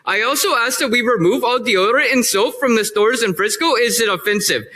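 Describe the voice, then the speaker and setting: A man's voice: extremely high pitch, brisk, sharp tone. A man putting on an Indian accent to play a crude, mocking caricature of an immigrant man at a city council podium. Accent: put-on Indian. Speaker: public commenter.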